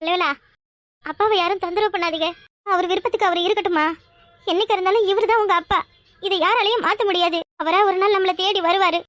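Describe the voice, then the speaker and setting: A woman voicing a tearful mother, very high. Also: fairly even intonation, fast, fairly bright tone, no echo. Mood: sorrowful. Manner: tearful, earnest pleading. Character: loyal wife and mother, sorrowful but firm. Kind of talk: cartoon voice acting.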